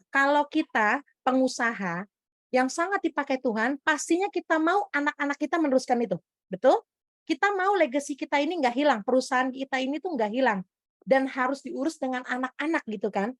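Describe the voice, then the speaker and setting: An Indonesian woman preaches a testimony sermon in a high, bright voice. She tells her story with animated energy, repeatedly turning to address the congregation directly. The recording is dry and close.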